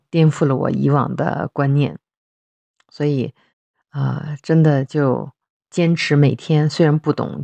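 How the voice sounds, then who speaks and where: A woman, a mother, telling her personal faith testimony in an unhurried way, pausing often with fillers. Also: low voice, vocal fry, a little mellow, dry recording.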